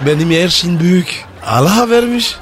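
A man's voice: sits high, lively intonation, moderate pace, noisy background. A man as a show sidekick, chipping in with casual comic banter.

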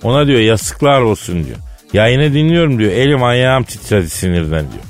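A man's voice: mid-range voice, lively intonation, normal speed, soft background music. A man hosting a comic radio show, teasing his partner with a mock-serious tale in a studio. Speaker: radio comedy host.

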